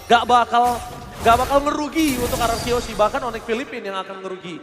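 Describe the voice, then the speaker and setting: A man's voice: extremely high pitch, fairly even intonation. An Indonesian man giving emphatic, dramatic live play-by-play commentary on a mobile game match. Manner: emphatic, dramatic delivery with drawn-out calls. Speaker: esports commentator. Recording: echoey hall, loud music behind. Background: music.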